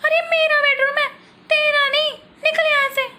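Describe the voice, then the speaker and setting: A woman acts out a proud, short-fused young sister who bickers and bosses people around. Her voice is pitched extremely high. This is a homemade comic family sketch. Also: level tone, normal speed, sharp tone, slight background noise. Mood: scolding. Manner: scolding, bickering, threatening. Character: proud hot-tempered young sister, bossy.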